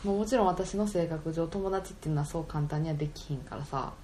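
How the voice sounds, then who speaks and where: A woman's voice: low voice, fast, warm tone, slight background noise. A young woman with an Osaka Kansai accent chatting casually as a podcast co-host. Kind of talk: casual chat.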